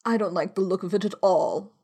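A woman's voice: medium pitch, fairly quick, mellow, natural voice. Woman doing a fussy, pompous king. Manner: decided, pompous.

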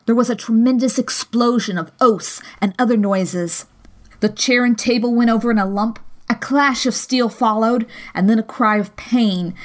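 Measured woman narrating an audiobook. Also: a little high. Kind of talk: scripted narration of a classic novel.

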